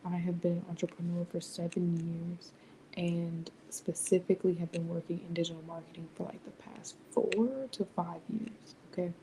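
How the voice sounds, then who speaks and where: Young woman on a late-night live, hushed half-whisper, low flat mellow voice, faint hum behind. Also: moderate pace, rough recording. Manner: speaking softly, half whispered. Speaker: livestream host, business founder. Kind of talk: late-night livestream rant. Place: home at night, others asleep.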